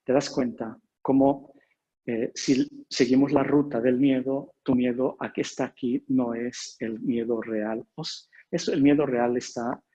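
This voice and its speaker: A man speaking as a therapist, giving a measured, explanatory spiritual talk that reads passages aloud and walks through client cases. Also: mid-range voice, steady tone, dark tone, slightly rough, dull audio. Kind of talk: spiritual talk with case examples.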